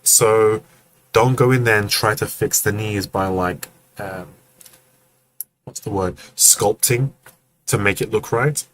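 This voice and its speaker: A man hosts a live stream, offering friendly, casual feedback on animation and acting out the movements while he explains, with joking asides to chat. His low-leaning voice is steady and slow with long pauses. The rough recording has slight background noise.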